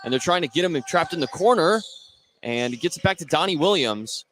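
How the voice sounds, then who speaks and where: With an American accent, a man calls live play-by-play as a basketball announcer, his voice fairly high, animated, fairly quick and a bit bright. Gym noise comes through clearly, with basketballs bouncing during the game.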